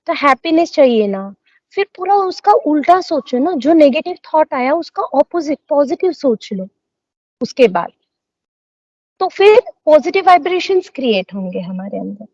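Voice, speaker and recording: High-voiced woman, earnest chat. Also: dry recording, dull audio. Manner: earnest, mixes English phrases into Hindi. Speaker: dentist and meditation guest. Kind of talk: casual chat.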